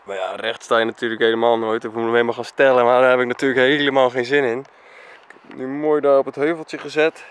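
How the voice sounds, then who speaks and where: A man's voice: medium pitch, steady tone, fast, clear, resonant tone. A young man talking casually to viewers on a travel vlog, chatty and upbeat, adding playful mouth sound effects, recorded on a handheld camera in a car and outdoors. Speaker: vlogger. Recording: background music under the voice.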